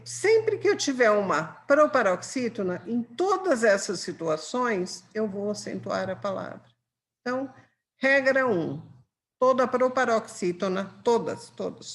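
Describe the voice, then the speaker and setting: A woman with a Brazilian Portuguese accent teaching grammar for an exam, patiently explaining with examples and checking in with her students. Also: medium pitch. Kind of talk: exam-prep grammar lesson.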